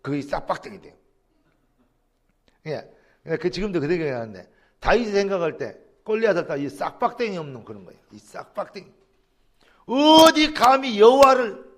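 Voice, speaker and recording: A man pastor preaches with great animation. His voice sits high and swoops widely, acting out quoted lines and rising to shouts. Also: very animated, a little fast. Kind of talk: sermon. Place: church sanctuary.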